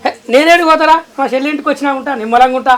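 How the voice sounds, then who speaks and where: A woman playing a caring village brother, rapid. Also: high-pitched, music in the background, lightly acted, rough recording. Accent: Telangana Telugu. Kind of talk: village family drama acting.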